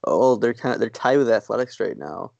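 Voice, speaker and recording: Gravelly man rambling through sports chat. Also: lowish voice, lively intonation, darkish tone, no room sound, highs cut off. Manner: rambling, self-deprecating, halting restarts. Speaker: podcast co-host.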